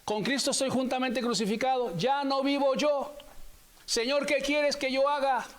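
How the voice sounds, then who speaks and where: In a steady tone, a very high-voiced man preaches with emphasis. His sermon leans on repeated phrases, with the key words drawn out slowly so they carry weight.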